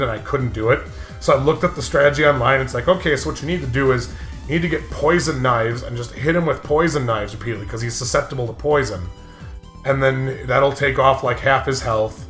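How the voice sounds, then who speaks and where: With a mid-range, fairly bright voice and a fairly quick pace, this man co-hosts a let's play for a gaming show, joking around, needling his partner and frequently laughing. Faint music plays behind him in a room with an echo.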